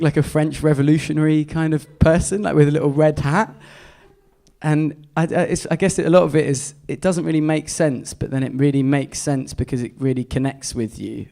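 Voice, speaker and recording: A man's voice: a little high, vocal fry, mellow. A man, an artist giving a casual and enthusiastic slide talk full of fillers. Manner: chatty, enthusiastic, many fillers.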